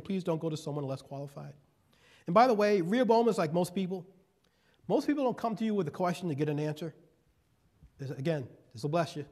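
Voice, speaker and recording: Man, guest preacher, fairly high voice, reads scripture, folksy asides, repeats key phrases. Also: a little mellow. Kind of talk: sermon.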